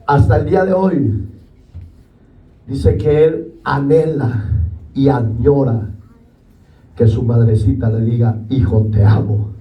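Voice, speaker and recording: A man preaching a sermon as pastor, impassioned and often bursting into shouts. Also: mid-range voice, fairly even intonation, slow pace, long pauses, lo-fi sound. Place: church. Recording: echoey church hall, distant mic, faint music.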